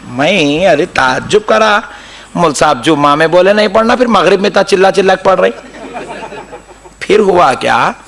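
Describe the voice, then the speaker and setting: Lively high-voiced male preacher. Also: moderate pace, vocal fry, a little hiss or hum. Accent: Hyderabadi Urdu. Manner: storytelling, mimics others, chants Quran passages. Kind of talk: humorous sermon.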